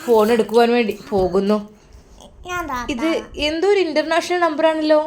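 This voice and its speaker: Woman narrating a story, slightly high voice. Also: expressive, normal speed, darkish tone.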